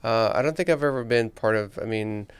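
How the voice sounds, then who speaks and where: A man's voice: lowish voice, a little fast, clean tone, no room sound. A man from Belarus hosting a podcast, asking questions in casual conversation. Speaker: podcast host interviewing. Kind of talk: casual interview chat.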